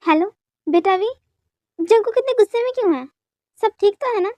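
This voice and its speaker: A woman's voice: very high-pitched, animated, fairly quick, dark tone, no echo. A woman voicing a middle-aged mother asking anxious questions about her daughter, in a dubbed fan story. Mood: worried. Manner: concerned questioning.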